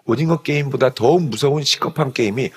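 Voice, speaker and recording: This pastor talks briskly in a husky, medium-pitched voice during an early-morning sermon. Animated throughout, he plays out the story in a lively way as he explains it, and the sanctuary adds a long hall reverb.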